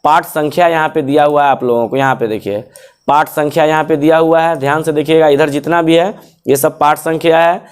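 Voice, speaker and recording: Fairly high-voiced teacher. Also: male voice, fairly even intonation, a little fast, clear, resonant tone. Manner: repetitive, checks if students follow. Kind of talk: explaining a syllabus to students.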